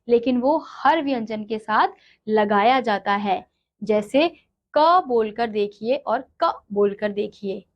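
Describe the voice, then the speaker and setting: A woman's voice: fairly high pitch, lo-fi sound. A woman teaching a grammar lesson, asking questions and answering them herself. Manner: slow, asks and answers her own questions.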